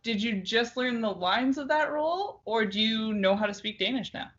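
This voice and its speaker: A woman's voice: a little high, lively intonation, normal speed, fairly bright tone, lo-fi sound. Friendly woman interviewer on video call. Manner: friendly, encouraging, brief responses. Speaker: interviewer, host. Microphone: video call from home.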